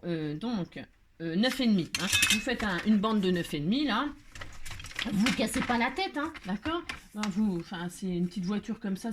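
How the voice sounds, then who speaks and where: A woman's voice: on the low side, a little hiss or hum. A woman hosting a casual craft tutorial, chatty and self-mocking, full of fillers and repeated asides.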